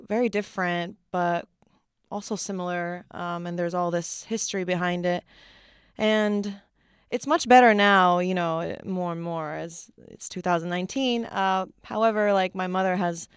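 A woman from Japan talks as an interview guest, reflective and a little hesitant, pausing on fillers as she thinks. Her voice sits on the lower side and is exceptionally clean and smooth. The sound is close and dry. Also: dry recording. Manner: thoughtful, hesitant with many fillers. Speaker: stage actor, guest.

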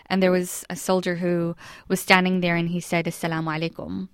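A woman's voice: lowish voice, monotone, moderate pace, clean tone, dry recording, clean studio sound. A woman from Iraq, in her thirties, telling her personal story as an interview guest, earnest and reflective with many restarts.

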